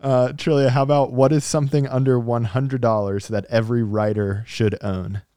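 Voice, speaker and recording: A man's voice: medium pitch, fairly even intonation, moderate pace, dark tone, dry recording. A man co-hosting a podcast interview, friendly and chiming in briefly. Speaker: podcast co-host. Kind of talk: casual interview chat.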